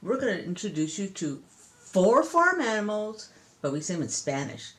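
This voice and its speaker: A woman's voice: medium pitch, sing-song, normal speed. An older woman, a grandmother, chatting and teaching counting to a grandchild on a phone video. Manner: warm, chatty, sing-song counting.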